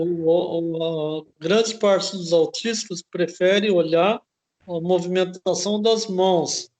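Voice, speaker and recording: A man hosting an interview, explaining at length in a halting way and often tagging his phrases with a questioning "né?". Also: high-pitched, darkish tone. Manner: slow, halting, ends phrases with "né?". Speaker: host.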